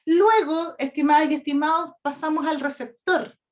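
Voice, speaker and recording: A woman's voice: sits high, steady tone, moderate pace. A woman instructor giving a lecture on communication, checking in with her listeners often. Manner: addresses class directly, frequent "¿ya?" and "¿cierto?" check-ins. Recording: dull lo-fi audio.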